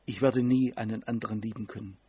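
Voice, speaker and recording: A man voicing a tender young woman in love, speaking softly in an audiobook. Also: lowish voice, steady tone, quick pace, slightly rough. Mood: devoted. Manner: soft whispered lines.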